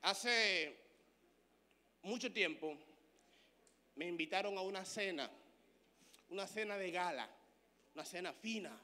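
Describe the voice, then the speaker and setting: A man preaching a sermon, moving from soft storytelling to shouted exhortation and calling on the congregation to respond. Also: high voice, expressive, takes it slowly, pauses often, big-room sound. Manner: talks to the congregation, calls for responses. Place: church.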